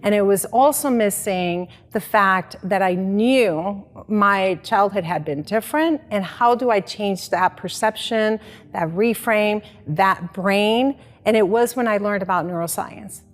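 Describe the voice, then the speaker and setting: A woman's voice: mid-range voice, unhurried, in a large hall. Woman from the Dominican Republic, reflective. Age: 40s. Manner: reflective, earnest storytelling. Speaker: life coach. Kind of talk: personal story in an interview.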